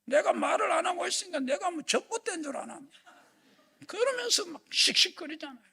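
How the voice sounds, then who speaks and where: Gravelly high-voiced pastor preaching. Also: male voice, expressive, fairly quick. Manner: impassioned preaching that swings from shouts to hushed whispers. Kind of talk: sermon. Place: church sanctuary.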